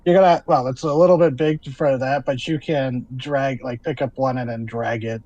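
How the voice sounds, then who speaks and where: A man's voice: mid-range voice, fairly even intonation, moderate pace, a little mellow, no echo, lo-fi sound. Male game master narrating a tabletop session.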